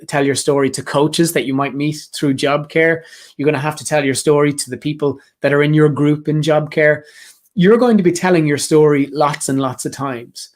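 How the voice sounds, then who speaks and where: A man presenting a live career-coaching session, talking earnestly and directly to job seekers with a lot of repetition. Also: a little high. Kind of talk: motivational live session talk.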